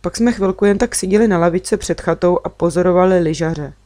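A woman reads a children's story aloud in the first person, with an even, storytelling pace. Her voice sits on the lower side and comes across close and dry, with no room sound around it. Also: no room sound. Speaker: audiobook reader. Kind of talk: children's audiobook narration.

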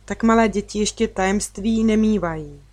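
A calm, wise girl from a children's storybook, read by a woman explains strange things patiently. She speaks in a steady, knowing way. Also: medium pitch, dry recording, close to an everyday voice. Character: Nala, calm wise girl guide through dreams.

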